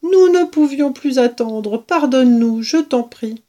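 A woman's voice: high-pitched, animated, measured pace, warm tone, voice pushed up. A woman reading a storybook, voicing a timid, affectionate mother fox. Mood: relieved. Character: shy, loving female fox, a mother.

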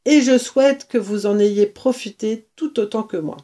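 A woman's voice: on the high side, close to an everyday voice. Maître Renard, a woman doing a jolly fox. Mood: jovial. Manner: shouting cheerfully, sings slow little songs. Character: jolly boastful male fox, head of family.

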